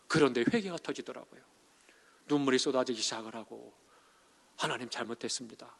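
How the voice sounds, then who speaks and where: A middle-aged male pastor delivering an emotional sermon, swinging between loud, emphatic declarations and soft, hushed passages. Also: medium pitch. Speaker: senior pastor. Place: church sanctuary. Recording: church hall with long reverb.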